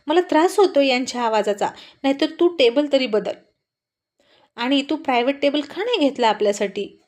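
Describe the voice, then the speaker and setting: A woman's voice: sits high, lively intonation, normal speed, voice pushed up. A woman voicing a haughty, scornful rich young woman. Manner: sharp, scornful complaining.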